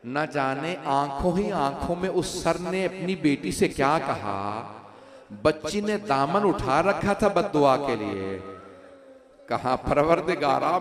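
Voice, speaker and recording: A male preacher giving a mourning sermon, rising into a loud wailing lament as he tells the story. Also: on the high side. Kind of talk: majlis sermon recounting tragedy. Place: large hall with gathered listeners. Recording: noisy crowd of mourners.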